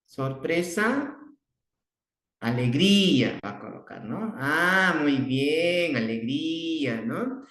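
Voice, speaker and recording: A man's voice: animated, slow pace, few pauses, a bit bright, roomy sound, rough recording. A man with a Bolivian Spanish accent, a speech therapist giving an online class, who often repeats and restarts words. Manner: repeats and restarts words, acts out children's emotions with sudden high exclamations.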